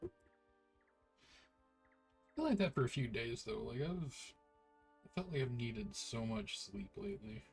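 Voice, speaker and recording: A man's voice: fairly high pitch, sing-song, measured pace, vocal fry, long pauses, faint music behind. A man streaming an online role-playing game, giving laid-back, rambling commentary full of "like" while sounding tired. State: tired, yawning. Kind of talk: casual gameplay commentary.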